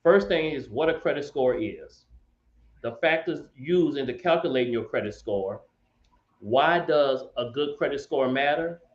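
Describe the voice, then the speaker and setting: A man as a financial guest explaining in a casual chat, measured and hesitant with many ums. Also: medium pitch, animated. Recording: roomy, dull remote audio.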